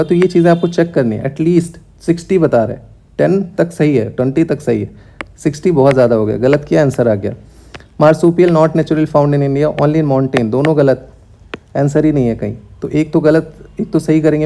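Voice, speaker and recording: A young male teacher walks through exam questions in a brisk, direct manner, dropping English terms into his explanations. His voice sits a little high yet sounds mellow and relaxed. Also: a little hiss or hum. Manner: brisk, talks straight to students, mixes English terms into Hindi.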